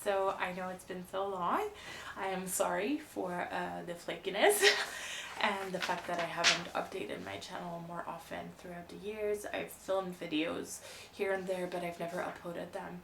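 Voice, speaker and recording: A woman's voice: on the low side, little pitch movement, moderate pace, creaky, a bit bright. A woman chatting casually to camera about books, chatty and self-deprecating, laughing often. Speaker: book vlogger. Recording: echoey room with faint hum.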